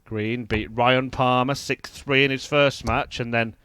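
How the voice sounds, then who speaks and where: A man giving live darts commentary in measured, analytical short observations. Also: medium pitch, steady tone, fairly bright tone, clear, resonant tone, no echo.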